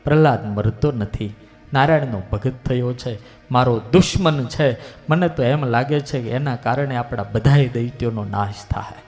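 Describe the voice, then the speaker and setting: A man's voice: medium pitch, moderate pace, a little mellow, soft background music, pitched below the performer's own voice, lightly acted. A man voicing an embittered demon king within a sacred story, in an echoing hall. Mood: bitter. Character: furious demon king father, bitter.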